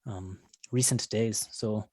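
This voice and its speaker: A man's voice: fairly low pitch, fairly even intonation, darkish tone, slightly rough, no echo. Man voicing a hesitant, worried dwarf mother, dry close sound. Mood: troubled. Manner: hesitant, halting, earnest. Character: worried dwarf mother, a weary town leader.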